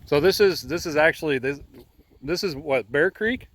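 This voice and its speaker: Speaking at a normal speed with a slightly high, expressive, fairly bright voice, this man is a Midwestern American vlogger in his forties. He chats casually while interviewing a friend outdoors beside an old rural bridge.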